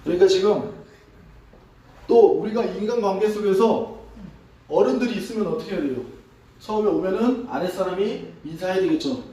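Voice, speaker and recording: A man preaching as a pastor, asking his congregation questions in a relaxed, conversational sermon. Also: high voice, moderate pace, long pauses. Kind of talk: interactive sermon. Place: church sanctuary. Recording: echoey hall, distant mic.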